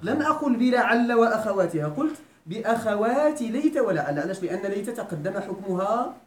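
At a Quran school, a Moroccan-accented male teacher runs an Arabic grammar lecture, checking understanding by quizzing students often. He speaks a little fast in a high, melodic, sing-song voice, captured in an echoey room with faint noise behind him.

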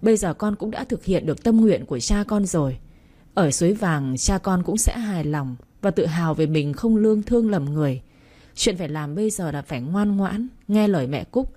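Storybook figure: a woman voicing a blunt, joking uncle, mellow and husky. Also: fairly low pitch, lively intonation, moderate pace. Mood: gentle. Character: teasing, caring adult man, uncle figure.

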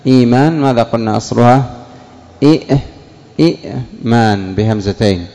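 A man, a sheikh, teaching a morphology lesson: he puts questions to students and answers them, stretching out example words slowly. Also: mid-range voice, gravelly, mellow, in a large hall. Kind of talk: classroom lesson explaining word roots.

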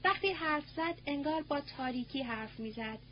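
A woman narrating a novel in a measured, even reading, on a muffled recording with a faint hum. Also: sits high. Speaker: audiobook narrator. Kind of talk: scripted narration.

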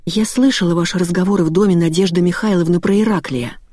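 A frightened young daughter pleads with her mother in a hushed whisper in an audiobook story, as the narrator puts her on. She sounds anxious and urgent. The reading is dry and close. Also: mid-range voice, steady tone, fast talker, no room sound, close to an everyday voice. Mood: pleading.

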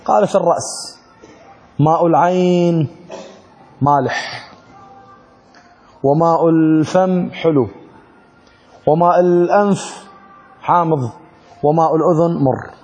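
Brief: male religious teacher, voice a bit on the high side, lecture style with questions and repeated key words. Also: steady tone, measured pace, long pauses, darkish tone, soft background music. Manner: asks questions and answers them himself. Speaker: teacher of Islamic law. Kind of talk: religious lesson, explaining a classical text.

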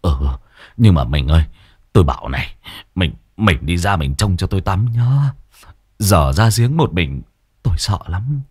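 A man's voice: low-pitched, animated, moderate pace, slightly rough. A man voicing a frightened, coarse old village husband who stammers.

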